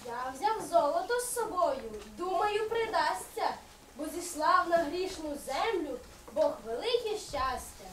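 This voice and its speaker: A woman playing a solemn eastern king in an amateur nativity puppet play, declaiming verse in a measured way. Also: extremely high pitch, animated, a bit bright, heavily acted. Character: solemn eastern king bearing gold, a Magus. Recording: echoey hall, distant, faint noise.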